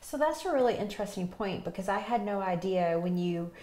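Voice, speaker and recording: A woman's voice: mid-range voice, expressive, brisk, dark tone, reverberant. A middle-aged woman hosting a home-design TV segment, an enthusiastic interviewer, recorded on a lapel mic inside a bathroom. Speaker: TV show host.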